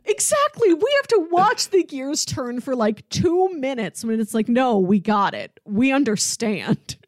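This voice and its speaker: In a high-pitched, unhurried voice, a woman co-hosts a casual TV review podcast, recorded dry and at studio quality. She sounds animated and conversational, using "like" often.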